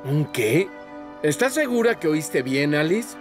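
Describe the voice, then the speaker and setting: Animated, eager police car. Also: male voice, fairly high pitch, unhurried, faint music behind. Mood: earnest. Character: friendly, eager male police car hero. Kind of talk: animated cartoon dub.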